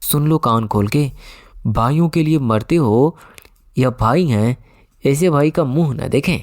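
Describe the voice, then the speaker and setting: A man voicing a fierce, sharp-tongued village wife in an audiobook, scolding in a shrill voice. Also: a little slow, dry recording, studio quality, lightly acted.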